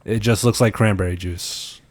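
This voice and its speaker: A man's voice: fairly low pitch, fairly even intonation, moderate pace. A young man hosting a casual podcast chat, teasing his guest and laughing often. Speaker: podcast host.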